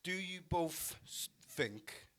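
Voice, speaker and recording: A man's voice: high voice, expressive, takes it slowly, fairly bright tone. A man hosting a casual podcast, easygoing and laughing through his own stories. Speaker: podcast host.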